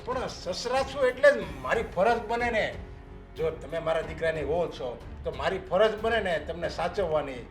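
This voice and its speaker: A man's voice: on the high side, lively intonation, normal speed, faint music behind, natural voice. An actor playing a pushy, meddling middle-aged father-in-law who talks in an insistent, defensive way. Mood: coaxing. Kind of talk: short film acting.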